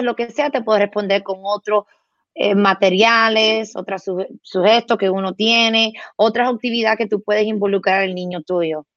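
A woman's voice: mid-range voice, no room sound, lo-fi sound. A woman speech therapist explaining simple activities, slipping English words into her Spanish and imitating animal sounds. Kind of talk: explaining to a host.

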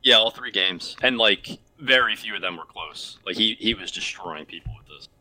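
Male co-host, deep but very bright, forceful voice, casual conversational explaining. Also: normal speed, low-quality recording. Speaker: podcast co-host. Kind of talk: casual chat.

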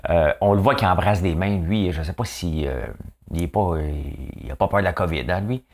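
A low-voiced man with a nasal Quebec French accent speaks at a moderate pace, his tone a little mellow. He's a show host delivering a casual, joking commentary monologue, chatty throughout and tagging his sentences with "hein".

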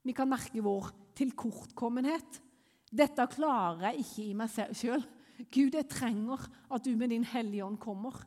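Norwegian woman preaching in a reverberant hall. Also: a little high. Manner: animated storytelling, quick rises when excited. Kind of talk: sermon with personal testimony.

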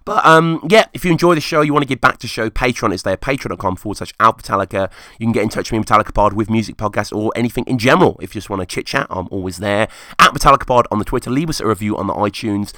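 A man hosting a music podcast solo, rambling casually and enthusiastically in a rusty, croaky, hungover voice. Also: fairly low pitch, rapid-fire, few pauses, bright, forceful tone, dry recording, clean studio sound. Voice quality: rusty, hoarse voice. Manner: enthusiastic, informal.

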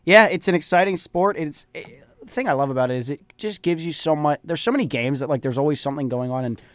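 A man's voice: a little high, fast talker, no echo. A young man co-hosting a college radio sports show, chatty and eager, often saying "like". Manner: chatty, enthusiastic fan, fills with "like". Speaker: co-host. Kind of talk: casual sports talk.

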